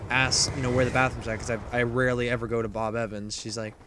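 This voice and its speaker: A man's voice: medium pitch, little pitch movement, fast talker. A man telling a rambling, profane story as casual gameplay commentary, with lots of fillers and restarts. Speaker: gaming commentator. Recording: noisy commentary recording.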